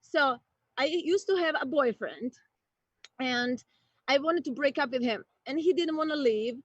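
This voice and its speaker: This is a playful stand-up comedy set by a Croatian woman whose voice is high and bright. Deliberate and slow at first, she suddenly gets excited. The audio is dry and a bit dull, much like a home streaming microphone.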